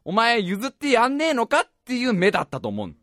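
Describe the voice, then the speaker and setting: A man hosting a show, telling a comic story in an animated, self-mocking way and often laughing as he talks. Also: very high-pitched, fairly quick, no room sound, studio quality.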